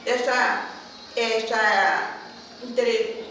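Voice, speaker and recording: A woman from Brazil telling stories at a community event in a chatty, animated way, often tagging her sentences with questions. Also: fairly high pitch, extremely slow. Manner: chatty, animated storytelling with frequent tag questions. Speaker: community speaker. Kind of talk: storytelling at a public event. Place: event hall. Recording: echoey hall with background noise, from far off.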